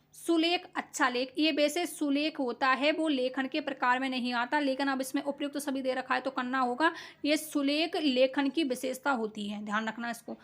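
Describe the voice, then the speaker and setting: A woman's voice: high-pitched, fairly bright tone. A woman teaching an online exam-prep lesson, explaining step by step and asking and answering her own quiz questions.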